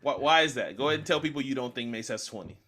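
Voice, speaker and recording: Bright-voiced young man hosting a podcast. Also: mid-range voice, rapid-fire. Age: young adult. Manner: animated, argues loudly when heated. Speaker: podcast host. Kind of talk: casual chat.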